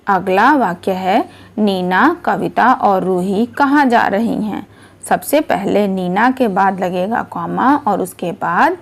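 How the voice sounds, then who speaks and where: A woman's voice: medium pitch, vocal fry. A woman teaching a children's grammar lesson, explaining patiently step by step.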